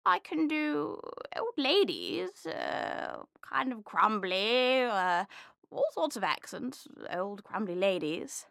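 A woman voicing a frail, crumbly old lady with a wavering, breathy voice. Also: a little high, big pitch swings, takes it slowly, fairly bright tone, dry recording, studio quality, full character voice.

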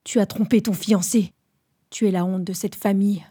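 A woman's voice: medium pitch, steady tone, normal speed, warm tone, husky, lightly acted. Woman playing a furious, scolding father. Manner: harsh, scolding. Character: furious middle-aged father, shouting.

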